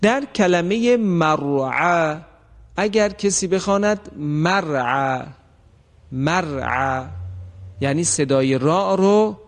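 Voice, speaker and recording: Man teaching recitation rules, slow drawn-out examples. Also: fairly high pitch, big-room sound. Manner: explanatory, repeats example words slowly and drawn out. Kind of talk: lesson.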